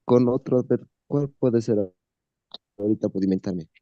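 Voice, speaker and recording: Hesitant man with a very dark voice. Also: medium pitch, normal speed, no room sound, dull audio. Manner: hesitant, thinking aloud. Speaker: student.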